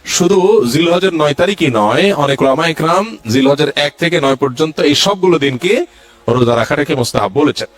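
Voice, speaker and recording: A male Islamic preacher giving a religious lecture, going through numbered points and reciting Arabic verses. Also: fairly high pitch.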